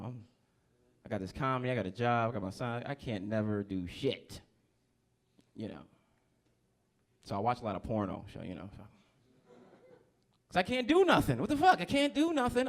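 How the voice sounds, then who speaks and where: A man's voice: fairly low pitch, creaky, a little mellow. A young adult man from New Jersey doing a stand-up comedy set, loose and crude, teasing the crowd on a handheld mic. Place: comedy club stage.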